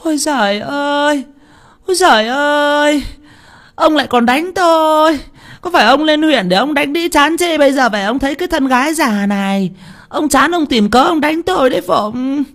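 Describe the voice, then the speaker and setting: A man's voice: extremely high pitch, expressive, moderate pace, a bit bright, voice pushed up, heavily acted. A man voicing a cruel, hot-tempered old mistress who screeches abuse. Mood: wailing. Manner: screeching, abusive, wailing.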